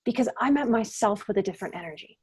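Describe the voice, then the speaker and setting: A woman's voice: mid-range voice, animated, fast talker, darkish tone, slightly rough. A middle-aged woman talking on a podcast as a guest psychotherapist. She speaks earnestly and leans hard into the key words. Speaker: guest psychotherapist and life coach. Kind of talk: podcast interview.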